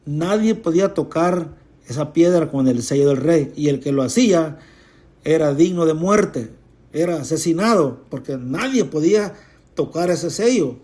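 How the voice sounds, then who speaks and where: A woman's voice: deep voice, animated, normal speed, mellow. Woman explaining scripture verse by verse. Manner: repeats and explains, addresses listeners directly. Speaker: Bible teacher. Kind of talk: reading scripture with commentary.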